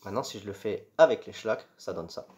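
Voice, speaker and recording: Low-voiced guitar teacher. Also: male voice, lively intonation, fairly quick. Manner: patient, step-by-step, sings strum patterns with syllables. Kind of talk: casual guitar tutorial. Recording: guitar playing loud behind speech. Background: acoustic guitar.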